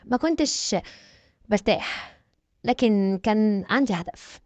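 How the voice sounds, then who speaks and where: A woman's voice: mid-range voice, expressive, slow pace, no room sound. A woman with an Egyptian accent dramatically narrating a first-person story. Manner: dramatic, emphatic.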